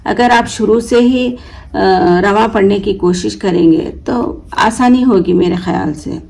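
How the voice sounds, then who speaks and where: A woman teaching a reading lesson at a slow, unhurried pace. Her voice has a gravelly fry to it. She sounds out letters patiently and asks questions that she then answers herself. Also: medium pitch, darkish tone, poor audio. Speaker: Urdu teacher.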